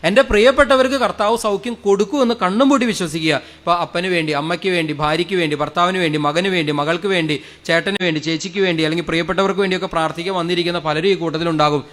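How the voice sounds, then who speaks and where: Fervent high-voiced priest preaching. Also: male voice, racing, few pauses. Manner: fervent, repeats phrases, asks the crowd questions, swings loud and soft. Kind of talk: sermon. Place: church or prayer hall with a congregation.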